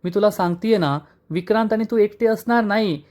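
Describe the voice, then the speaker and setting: A man's voice: high-pitched, fairly quick, darkish tone, pitched above the performer's own voice, natural voice. A man reading as a firm, reassuring young woman. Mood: determined. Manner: firm, soothing, determined.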